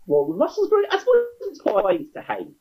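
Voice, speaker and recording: A man narrating as game master of a tabletop role-playing game, wry and unhurried with playful asides. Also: high-pitched, wildly swooping pitch, slight background noise. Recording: dull lo-fi sound.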